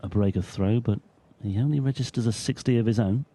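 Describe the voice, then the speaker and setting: A man giving measured live darts commentary as the lead commentator. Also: on the low side, warm tone.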